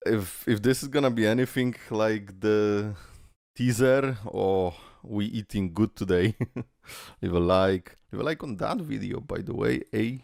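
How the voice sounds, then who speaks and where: A man with a lowish voice and vocal fry hosts a reaction video, speaking a little slowly with casual live commentary that's blunt, exclamatory and full of swearing. His delivery is animated, and the game trailer music from the video he's watching plays behind his dry, studio-quality voice.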